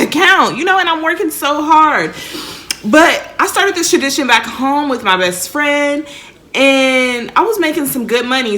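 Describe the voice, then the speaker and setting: Young woman, vlogger; fairly high, bright voice; candid, rambling heartfelt rant. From Texas. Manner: candid, rambling, heartfelt, addresses viewers directly. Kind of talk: emotional personal rant to camera.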